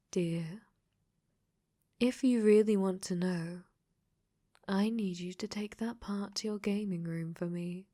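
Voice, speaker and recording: A woman with a lowish, darkish voice plays a clingy, possessive dating sim AI that has become sentient. The intimate ASMR roleplay often slips into whispers, and her mood is coaxing and sly.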